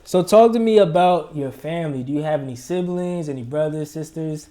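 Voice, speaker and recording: A man's voice: on the high side, fairly quick, mellow. A man hosting a casual interview in a recording studio, asking easygoing, loose questions. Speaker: interview host.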